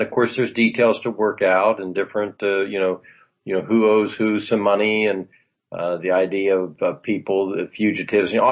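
A former congressman turned political commentator chats about the news on talk radio, rambling with plenty of fillers and asides. His voice is low and slightly rough. The recording sounds muffled.

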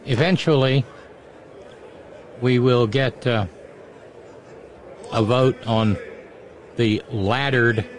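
A man's voice: mid-range voice, very slow, pauses often, rough recording. A man hosting casual live political commentary in a sardonic, mocking manner. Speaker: host of political commentary show.

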